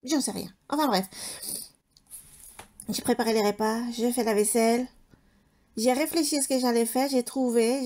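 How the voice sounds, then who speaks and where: A woman's voice: fairly high pitch, darkish tone. A woman in her thirties from Spain with a Spanish accent, narrating her home vlog in a rambling way, often searching for words. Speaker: home vlogger. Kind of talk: casual voice-over chat.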